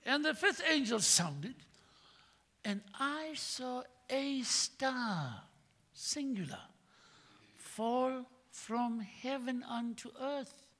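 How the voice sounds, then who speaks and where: An older man preaching from a pulpit in a church hall, his voice sitting unusually high and bright. He talks slowly and deliberately, breaking into loud emphatic bursts and then dropping to quiet asides, with a long reverb trailing behind every word. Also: expressive. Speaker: pastor. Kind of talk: sermon.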